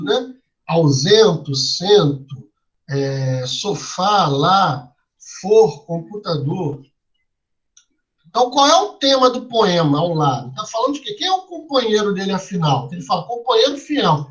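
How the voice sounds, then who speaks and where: A man's voice: high voice, fairly bright tone, dull audio. A male teacher explaining a lesson step by step to a class, asking them questions and tagging his lines with "né?" and "tá?". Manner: tags lines with "né?" and "tá?".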